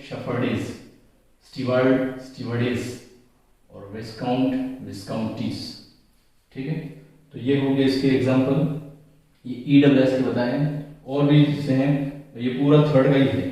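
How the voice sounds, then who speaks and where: The voice is male, mid-range and dark in tone, coming from a distance in a very reverberant room. He's an English grammar teacher going through slides one step at a time, repeating rules and fielding his own questions.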